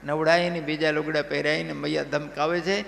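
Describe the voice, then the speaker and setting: A man telling a devotional story as a sermon, animated and checking in with listeners. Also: on the high side, fairly quick, creaky, slight background noise. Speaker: religious storyteller. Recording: live hall reverb, faint music.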